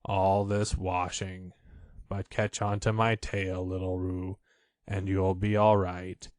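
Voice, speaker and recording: A man acts out a gloomy old donkey from a children's storybook. The voice is deep and very slow, close and dry. He grumbles with long-suffering, deadpan resignation. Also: dry recording. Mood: grumbling.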